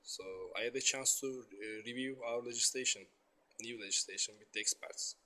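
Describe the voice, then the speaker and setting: A man from Turkey, giving halting interview answers in English and searching for words. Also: mid-range voice, steady tone, bright, forceful tone. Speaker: nuclear safety regulator.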